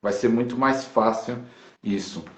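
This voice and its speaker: A man with a Brazilian accent, a pastor, talking emphatically on a live video call and slowing down to quote scripture. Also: mid-range voice, reverberant. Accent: Brazilian Portuguese.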